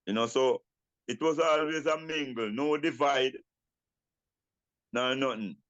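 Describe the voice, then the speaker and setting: An older man with a Jamaican accent speaks as a Rastafari elder in an interview, using Rasta speech and patois, deliberate and often repeating his words. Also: medium pitch, fairly bright tone, dry recording, highs cut off. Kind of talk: reflective interview talk.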